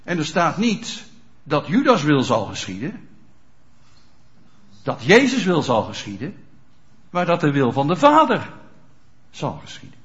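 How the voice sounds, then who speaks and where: A male preacher gives a chatty sermon, often stopping to check that listeners follow. His voice is a bit high, with a lively, swinging pitch. The recording sounds muffled and lo-fi. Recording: dull lo-fi sound.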